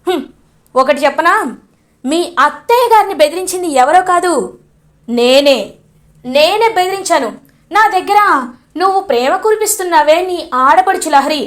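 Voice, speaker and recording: A woman's voice: sits high, animated, moderate pace, pauses often. A woman voicing a scheming man who gloats and threatens while blackmailing someone. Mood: gloating.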